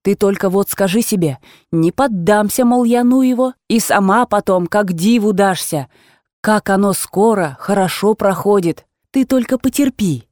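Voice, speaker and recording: A woman's voice: a little high, lively intonation, moderate pace, a little mellow, no room sound, clean studio sound, close to an everyday voice. A woman reading aloud and voicing an agitated, fussy old aunt who scolds and exclaims in a raised voice. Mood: coaxing.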